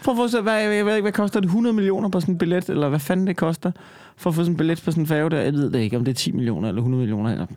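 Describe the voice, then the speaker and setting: A man co-hosting a podcast in casual chat, animated and emphatic, with frequent swearing. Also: on the high side, hardly any pauses, no echo. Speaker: podcast co-host.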